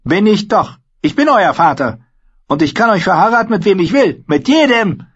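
A man voicing a cruel, gloating boy king in an audiobook, taunting in a shrill, raised voice. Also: sing-song, moderate pace, a bit bright, husky, muffled recording, heavily acted. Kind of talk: audiobook character voice.

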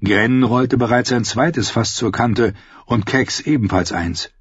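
Husky man reading a fantasy audiobook. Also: mid-range voice, measured pace, no echo, highs cut off. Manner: steady storytelling with loudly shouted battle commands. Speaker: audiobook narrator.

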